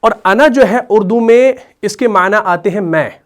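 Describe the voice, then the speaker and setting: A man's voice: sits high, a little slow. A man with an Urdu accent teaching Quran reading rules in a patient explanatory lesson, often checking that his students understand. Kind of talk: explanatory lesson with slow chanted recitation.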